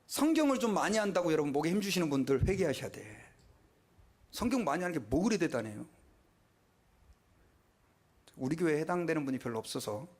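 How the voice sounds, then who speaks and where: A man's voice: a little high, very animated, a little fast, pauses often, darkish tone. A middle-aged male pastor preaching a sermon in a conversational way, asking the congregation questions and acting out quotes.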